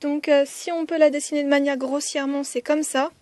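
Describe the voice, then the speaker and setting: A woman's voice: sits high, flat delivery, brisk, dry recording. A woman teaching a writing lesson step by step, with frequent "euh" hesitations and counting strokes aloud. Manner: counts strokes aloud, softly whispering some counts. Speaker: language teacher.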